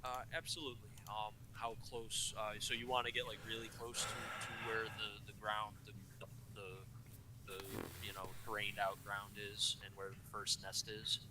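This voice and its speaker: A man running a tabletop game as game master, improvising narration in a hesitant, halting way. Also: fairly low pitch, monotone, noisy background.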